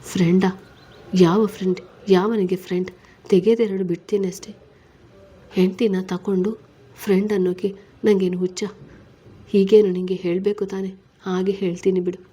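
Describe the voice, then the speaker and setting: A woman's voice: lowish voice, level tone, normal speed, long pauses, mellow, slightly rough. A woman reading a story, voicing a stubborn but tender young husband who is weary and troubled.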